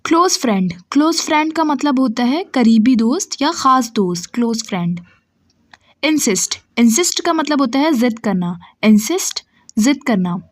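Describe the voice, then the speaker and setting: A woman teaching English vocabulary, saying each word and its meaning slowly and repeating both. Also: sits high, lively intonation, no echo, clean studio sound. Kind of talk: slow word-by-word vocabulary drill.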